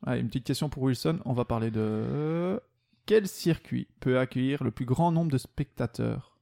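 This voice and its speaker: A man's voice: mid-range voice, moderate pace, vocal fry, dark tone. A man hosting a casual sports quiz among friends, teasing and laughing as he reads questions and keeps score. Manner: laughing, playful, self-mocking. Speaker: quiz host.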